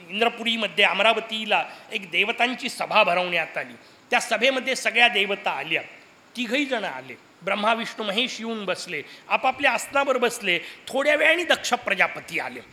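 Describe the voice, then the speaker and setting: A man's voice: high-pitched, slight background noise. A man giving a devotional discourse, telling a scripture story and asking the audience playful questions. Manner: lively, asks the audience questions, playful asides. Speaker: Puranic discourse speaker.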